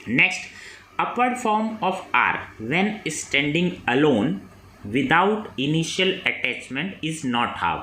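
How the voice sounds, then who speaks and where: A man teaching shorthand rules, reading English rule lines slowly and then explaining them in Hindi. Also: fairly high pitch, bright, forceful tone, a little hiss or hum. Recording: echoey room with faint ambience.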